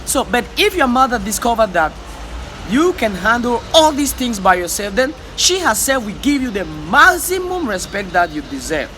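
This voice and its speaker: A man from Africa delivers an impassioned motivational vlog monologue in a very high, sing-song, sharp voice at a moderate pace. Fervent and exhorting, he repeats himself and stammers over words when he gets heated. Slight background noise can be heard.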